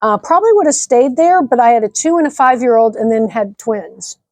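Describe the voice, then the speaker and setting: A woman's voice: fairly high pitch, expressive, fairly quick, no room sound. A middle-aged woman from Nebraska, a nonprofit director, answering interview questions in an upbeat, articulate way. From Nebraska, United States. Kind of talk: interview conversation.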